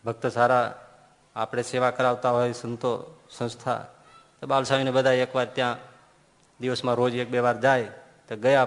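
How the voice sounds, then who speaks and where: A man giving a devotional sermon, telling stories and swinging between loud rises and quiet drops. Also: mid-range voice, big-room sound. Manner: storytelling, lively rises and drops in loudness. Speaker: preacher.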